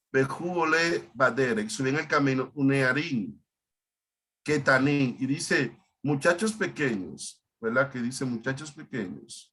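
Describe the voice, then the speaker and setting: A man's voice: mid-range voice, bright, forceful tone. A male pastor leading an online Bible study, stopping often and repeating words as he explains Hebrew terms.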